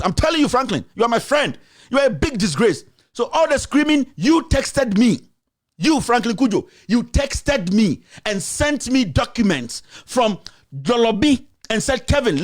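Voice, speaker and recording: A Ghanaian man with a high-pitched voice rants as a show host. He fires off accusations and keeps hammering the same rhetorical questions in a fiery, heated commentary.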